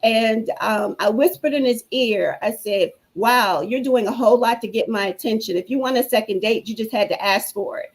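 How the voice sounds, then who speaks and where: A woman's voice: on the high side, normal speed, hardly any pauses, rough recording. A woman guest on a talk show telling her own story in an earnest, preacherly way. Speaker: guest speaker. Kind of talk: personal testimony on a talk show.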